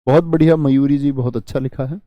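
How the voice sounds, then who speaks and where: A man's voice: mid-range voice, steady tone, fast talker, no room sound, muffled recording. A man teaching a live online grammar lesson, patient, repeating key words and answering students by name.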